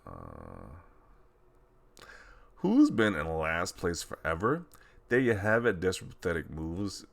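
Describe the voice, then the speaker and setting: A man hosting a video reacts to social media posts in casual commentary, sounding mocking and incredulous and chuckling often. His voice is deep, slow, and creaky, with huge pitch swings and slight background noise.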